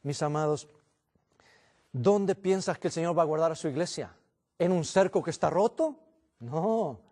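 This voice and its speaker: A man's voice: a little high, lively intonation, moderate pace, warm tone. A man preaching a sermon in a church, telling a story and voicing its characters along the way. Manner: storytelling preacher, voices the characters in his anecdote. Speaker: pastor.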